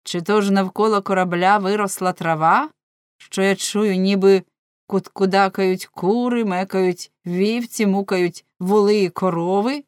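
A woman voicing a stern older male fleet admiral in an audiobook, speaking in a commanding, formal way, raised and loud. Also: medium pitch, steady tone, unhurried, clear, resonant tone, dry recording, clean studio sound, natural voice. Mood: wry.

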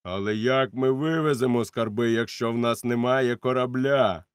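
A man's voice: medium pitch, fairly even intonation, normal speed, smooth, no room sound, studio quality, lightly acted. A man reading a sullen quarrelsome pirate.

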